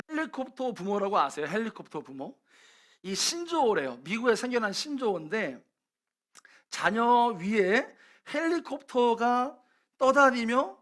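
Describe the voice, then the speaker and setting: A man's voice: high-pitched, a bit bright. A male pastor preaching a sermon at a church service, telling a story earnestly and building intensity at its emotional points.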